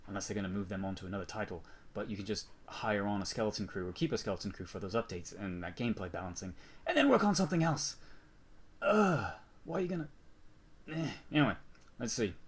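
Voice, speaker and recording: A man's voice: on the low side, animated, fast. Sick man rambling through news. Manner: rambling, self-mocking, restarts often. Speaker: channel host. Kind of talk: casual news rundown.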